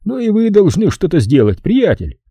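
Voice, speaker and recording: A man reading an audiobook, voicing a cold, domineering male casino boss who speaks calmly and curtly. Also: high voice, moderate pace, slightly rough, dry recording, voice pushed up, exaggerated voice. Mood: menacing. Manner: calm, menacing and curt.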